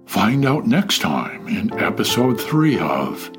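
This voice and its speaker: A man narrating a storybook audio drama, posing cliffhanger questions with suspense and dramatic pauses. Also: lowish voice, huge pitch swings, music in the background, exaggerated voice. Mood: suspenseful.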